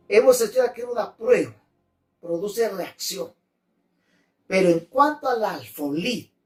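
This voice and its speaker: Fervent slow-preaching male pastor. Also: sits high, darkish tone. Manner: fervent, deliberate, repeats and spells out key words. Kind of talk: teaching sermon. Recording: roomy, distant mic, faint music.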